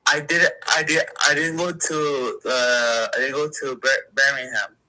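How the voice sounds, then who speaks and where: A man co-host heard through a phone speaker, giving short, soft-spoken replies in a casual chat. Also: medium pitch, fairly even intonation, measured pace. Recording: distant phone speaker picked up by the room mic.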